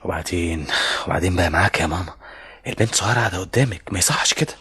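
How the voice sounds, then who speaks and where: An earnest young Egyptian suitor. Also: male voice, sits low, racing, a bit bright, slight background noise. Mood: pleading. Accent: Egyptian Arabic. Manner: pleading, soothing. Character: earnest young male suitor calming his mother. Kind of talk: classic film acting.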